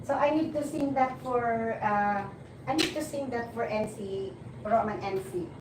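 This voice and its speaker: Speaking casually to her viewers, a forties-aged Filipino woman with a higher voice teases, laughs often, and starts her sentences over. Background noise is present, and the distant mic picks up a roomy, ambient sound.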